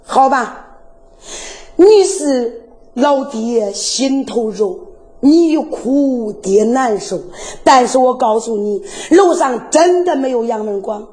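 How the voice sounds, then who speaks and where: A woman voicing a doting old father, pitching her voice low and speaking soothingly. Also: animated, takes it slowly, mellow. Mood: firm. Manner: soothing, pleading.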